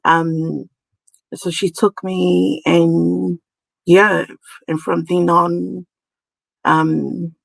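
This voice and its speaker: Creaky-voiced woman with a Samoan New Zealand accent. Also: on the low side, flat delivery, extremely slow, pauses often, dry recording, rough recording. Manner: giggly, informal. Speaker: podcast guest, community nurse. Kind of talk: casual conversational storytelling.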